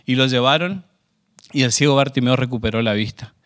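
A man's voice: mid-range voice, brisk, fairly bright tone. A man preaching a sermon in a conversational way, often asking the congregation questions.

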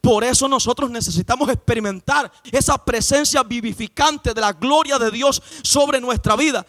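High-voiced, bright, impassioned preaching pastor. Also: male voice, normal speed. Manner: impassioned preaching, often shouting and sing-song. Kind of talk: sermon. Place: church service.

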